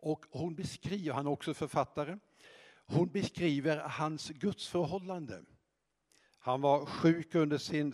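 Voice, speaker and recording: A man giving a slow, reflective sermon, pausing often and hesitating as he explains scripture. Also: a little high, a little mellow. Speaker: preacher. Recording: long hall reverb.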